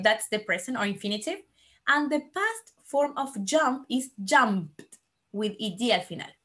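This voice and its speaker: Lively, slow-paced woman teacher. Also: fairly high pitch. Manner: explains slowly, mixing Spanish and English; spells out letters and asks checking questions. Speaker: English teacher. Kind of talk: recorded online grammar lesson.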